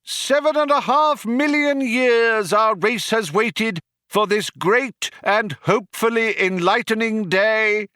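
A man voicing a grandiose male orator who declaims loudly to a cheering crowd. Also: high-pitched, slow, no echo, clean studio sound, pitched above the performer's own voice, full character voice. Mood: proclaiming. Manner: declaiming loudly over a tannoy.

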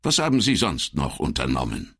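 A man's voice: extremely low pitch, huge pitch swings, normal speed, fairly bright tone, breathy edge, heavily acted. A man voicing a curt, stern middle-aged male police chief who growls his orders.

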